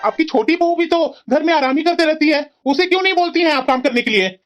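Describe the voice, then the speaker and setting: A woman voicing an earnest young son who pleads and reasons with his mother in an animated family drama. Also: high voice, quick pace, soft background music. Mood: pleading. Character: earnest young married son defending his sister-in-law.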